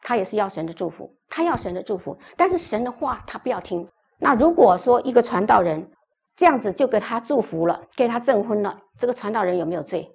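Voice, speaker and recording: A woman's voice: medium pitch, animated, brisk, creaky, a little mellow, slightly rough. A woman pastor preaching a sermon, telling a story with emphatic, repeated phrases.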